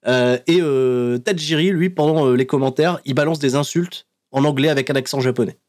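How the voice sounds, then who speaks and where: A male podcast host tells the story in lively, casual chat, with frequent "euh" fillers. He chuckles often as he goes and jumps into acted voices. His pitch sits in a middle range. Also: a little fast. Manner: animated storytelling, laughs often, many fillers. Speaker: podcast host recapping wrestling episodes.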